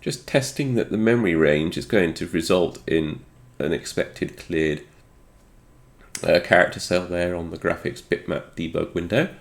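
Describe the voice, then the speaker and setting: This deep, gravelly man sounds slightly congested as he gets over a cold. Hosting a retro game programming video, he talks at a moderate pace through an unscripted technical screen walkthrough, thinking aloud as he goes.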